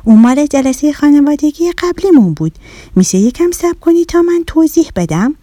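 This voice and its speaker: A woman voicing a stern, exasperated fish father in a children's story, speaking in grave, hushed tones. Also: high voice, lively intonation, dry recording, studio quality.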